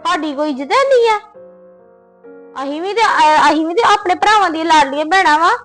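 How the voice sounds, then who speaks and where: A woman playing a sulky wife, complaining, high-pitched, faint background music. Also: a little fast, a bit bright. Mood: aggrieved. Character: young wife sulking about her sister-in-law. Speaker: daughter-in-law in a family short film. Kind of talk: scripted short film acting.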